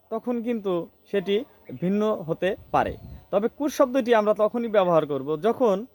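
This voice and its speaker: A man with a high voice teaches English grammar. He explains patiently and step by step, slowing down to spell out each example phrase. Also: darkish tone, no echo. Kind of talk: spoken grammar lesson.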